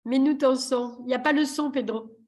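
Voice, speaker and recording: Chatty French therapist woman, slightly high voice. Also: fairly even intonation, a little fast. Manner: chatty, warm-hearted and joking, many fillers. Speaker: therapist hosting a live session. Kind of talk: casual live chat. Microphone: computer mic on a video call.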